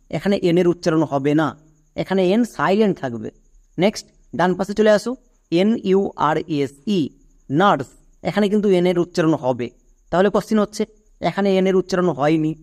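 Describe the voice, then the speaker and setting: A man's voice: high voice, a little mellow. A man teaching English phonics step by step, patiently asking questions and answering them himself. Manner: patient, asks and answers his own questions. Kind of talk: step-by-step classroom explanation.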